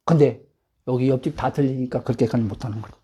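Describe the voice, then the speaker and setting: A woman pastor preaches a sermon from home, pressing the congregation with rhetorical questions and rising to near-shouts for emphasis. Her voice is extremely low, husky and steady, and she speaks fast.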